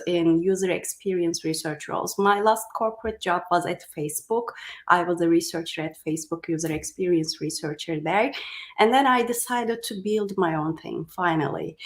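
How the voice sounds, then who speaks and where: A woman in her thirties from Turkey, a coach speaking as a podcast guest in casual talk, articulate and often using "like". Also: lowish voice. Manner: articulate, uses "like" as filler. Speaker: guest, high performance coach.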